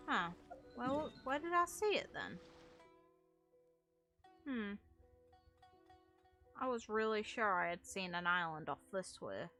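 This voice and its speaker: Pushed and bright in a fairly low pitch, this woman's voice carries casual, meandering thoughts about game lore. She's a gaming video creator and streamer thinking aloud, with music playing behind her.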